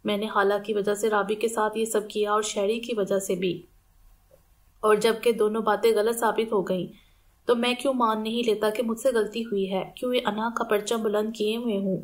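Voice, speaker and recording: A woman's voice: mid-range voice, flat delivery, lightly acted. A woman reading a proud young man's remorseful inner monologue in an audiobook novel. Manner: inner monologue, self-questioning.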